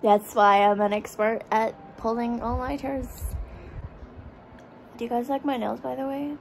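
A woman's voice: on the high side, level tone, unhurried, vocal fry, slight background noise, poor audio. A young woman in her twenties, tired after an all-nighter, chatting and rambling casually to a phone camera held at arm's length in a small bedroom. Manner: chatty, rambling, self-mocking. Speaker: vlogger. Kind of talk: casual vlog chat to camera.

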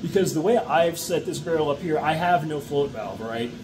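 Middle-aged man, mushroom farmer, casual how-to talk, voice a bit high, lots of "all right?", steady room noise. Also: normal speed. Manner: chatty, peppered with "okay?" and "all right?". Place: indoor farm room with grow shelves.

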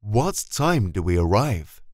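A man's voice: lowish voice, big pitch swings, drawn-out words, darkish tone, dry recording, clean studio sound. A man reading short phrases aloud for learners in a language lesson. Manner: reads each short phrase once, clearly. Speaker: prompt reader in a language lesson.

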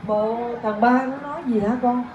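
Lady doing a soft tired old mom, muffled roomy sound with music. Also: a little high, normal speed, crowd noise, lightly acted. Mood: resigned. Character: meek, weary elderly mother.

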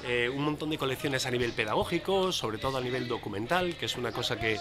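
A young man with a mid-pitched voice talks into a handheld reporter's mic at an outdoor book stall. He speaks fluently for a publisher, padding his sentences with frequent fillers. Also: animated, fast talker, music in the background. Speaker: publisher's representative. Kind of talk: street interview.

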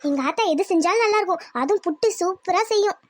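A woman voicing a kind, gentle village girl coaxing a friend to eat in a cartoon. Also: extremely high pitch, quick pace. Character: kind caring village girl Isai sharing food. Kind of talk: cartoon voice acting.

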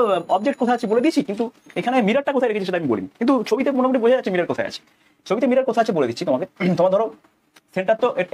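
A man with a Bengali accent teaching a physics lesson, talking through each step aloud, repeating phrases and asking his students questions. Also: sits high.

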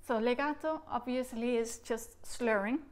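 At a measured pace and in a slightly high voice, a Dutch woman in her thirties teaches recorder articulation on her living-room sofa. It's a demonstration lesson: she explains patiently and speaks the syllables aloud, gesturing along.

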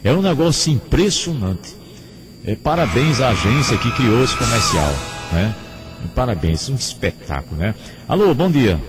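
A man's voice: mid-range voice, sing-song, moderate pace, music in the background. A man hosting a call-in radio show, chatting with listeners in a northeastern Brazilian accent. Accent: Brazilian Portuguese, northeastern. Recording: radio broadcast with faint noise.

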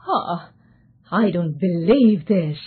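A woman voicing a rich, mean young man who grows lonely, speaking in a high, strained, pleading way. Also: animated, slow, husky, full character voice. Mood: disbelieving. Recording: tinny phone-like sound.

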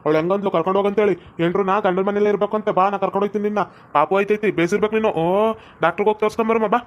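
Someone doing a blunt village man, rapid talker. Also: mid-range voice, steady tone, highs cut off, lightly acted. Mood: gruff. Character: rough young village man who protects the cross-dressing husband.

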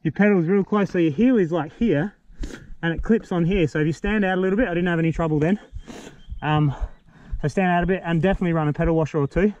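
A man's voice: high voice, quick pace, no room sound, lo-fi sound. A man, casually talking through a mountain bike and then riding it on an outdoor trail, recorded on an action camera. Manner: relaxed and chatty, gets excited while riding. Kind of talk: casual ride-along bike review. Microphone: helmet or bike-mounted action camera. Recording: faint wind noise on the mic.

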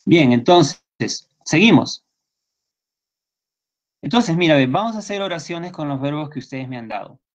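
A man's voice: on the high side, expressive, a little slow, pauses often. A man teaching English in an online class, with a Peruvian Spanish accent, patiently repeating points and checking that students follow. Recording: slightly dull lo-fi sound.

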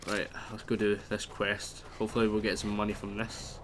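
Over a noisy background, a man with a stuffy nose hosts a let's play, chatting in a rambling way and reacting loudly to events in the game. He speaks fairly quickly in a lowish, monotone voice.

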